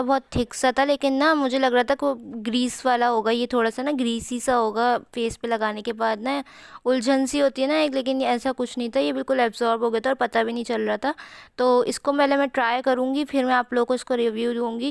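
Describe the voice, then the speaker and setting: A woman's voice: a little high, vocal fry, no room sound. A young woman with a sore throat, chatting through a home cooking vlog voice-over in a rambling way with many fillers, recorded close to the mic. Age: young adult. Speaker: vlogger.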